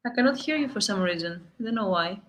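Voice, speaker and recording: A woman's voice: mid-range voice, animated, fast, background noise. Woman guest on a video call. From Greece. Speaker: guest, architect. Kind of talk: casual conversational interview.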